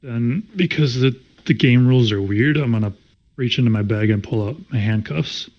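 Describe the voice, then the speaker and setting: A man's voice: medium pitch, normal speed, darkish tone. Male player, tabletop game, wry and dry, muffled lo-fi sound. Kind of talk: casual tabletop game play. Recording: dull lo-fi audio.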